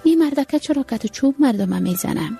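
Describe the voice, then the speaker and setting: A woman's voice: high voice, animated, vocal fry, warm tone, breathy edge, soft background music, pitched above the performer's own voice, heavily acted. A woman voicing a small hungry girl who asks tired, pleading questions, in an Afghan Dari accent. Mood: plaintive.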